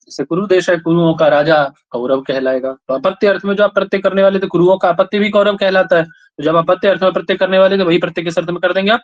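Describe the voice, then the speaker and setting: A man with a somewhat high voice leads a grammar class, firing questions and repeating them until students reply. The recording sounds dull and lo-fi. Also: fairly even intonation, fast. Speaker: Sanskrit grammar teacher.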